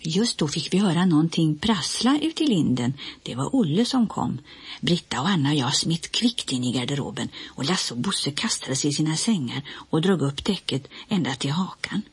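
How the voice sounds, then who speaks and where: Husky-voiced woman reading a children's story. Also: low-pitched, sing-song, no room sound. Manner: gentle, storytelling. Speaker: audiobook reader.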